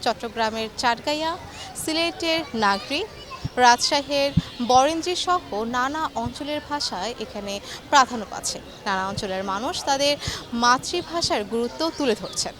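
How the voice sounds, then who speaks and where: A woman narrates a news report in a formal, measured voice. Her pitch sits high and clear. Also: animated.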